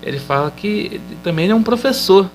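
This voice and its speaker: A Brazilian man with a fairly high voice recaps an episode in a relaxed, rambling way. He keeps tossing little questioning tags onto his sentences as he goes. A faint hiss sits under the recording. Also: a little fast, poor audio. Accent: Brazilian Portuguese. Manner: loose and chatty, tags sentences with questioning fillers. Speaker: episode reviewer.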